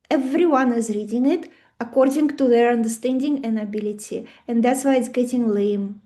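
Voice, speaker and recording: A woman with a high, warm voice and a Russian accent gives an informal astrology lecture to a live group. As the teacher, she is emphatic and conversational, often putting rhetorical questions to her listeners.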